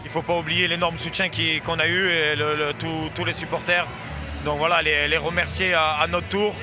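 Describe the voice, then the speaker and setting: A man from the club, halting and searching for words in a street interview. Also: fairly high pitch, little pitch movement, music in the background.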